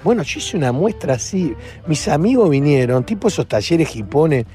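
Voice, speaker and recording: A man in his fifties with an Argentine accent, a comedian guest telling anecdotes in a lively way, laughing often and acting out the voices of the people he quotes. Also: fairly high pitch, moderate pace, faint music behind. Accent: Argentine Spanish.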